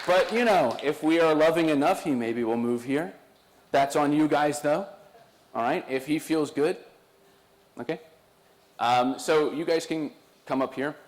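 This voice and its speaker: A man's voice: fairly high pitch, unhurried, pauses often. Conversational man preaching to a congregation. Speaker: pastor. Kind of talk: sermon and introductions.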